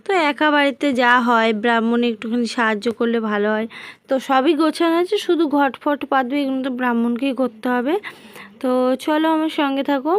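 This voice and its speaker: A woman's voice: sits high, brisk, no room sound. A middle-aged woman chatting casually to viewers as she narrates a family home vlog, rambling and addressing them directly. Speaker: vlogger.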